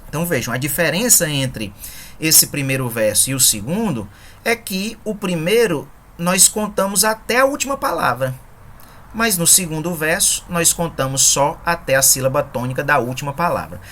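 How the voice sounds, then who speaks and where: Low-pitched female teacher, patient and methodical, faint noise in the background. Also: expressive, fairly bright tone. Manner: patient, methodical, counts syllables aloud slowly. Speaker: poetry teacher. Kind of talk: online lesson explaining scansion.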